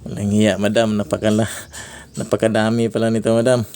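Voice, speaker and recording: A man from the Philippines casually unboxing fireworks for his vlog, naming each item slowly with frequent chuckles. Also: lowish voice, completely flat delivery, warm tone, slight background noise. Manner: slow, drawn-out naming of items, frequent chuckles. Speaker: fireworks vlogger.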